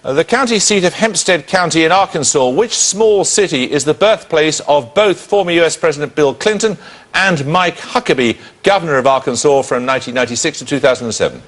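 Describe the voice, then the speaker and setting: A man hosting a televised quiz show, reading questions briskly and crisply in a studio. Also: a little high, expressive, fairly bright tone.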